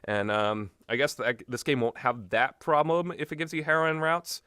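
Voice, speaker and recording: A man gives a casual, unscripted review of visual novels, rambling, blunt, and opinionated, often backtracking and wandering off on tangents. His medium-pitched voice is steady, bright, and forceful at normal speed. The recording is clean, dry, and studio quality.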